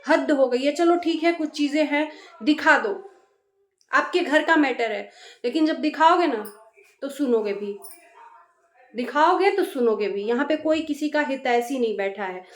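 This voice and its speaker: A woman's voice: high voice, a little slow, reverberant. A woman vlogger giving a scolding, exasperated reaction monologue that repeats phrases for emphasis.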